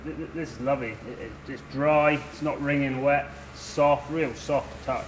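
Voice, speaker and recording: A man's voice: medium pitch, steady tone, moderate pace, a little hiss or hum, poor audio. A man in his twenties, a stockman working on a farm, talking plainly and practically while out of breath. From England. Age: 20s. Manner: plain-spoken, practical, with rustic grammar. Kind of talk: casual explanation while working. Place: outdoors at a farm barn.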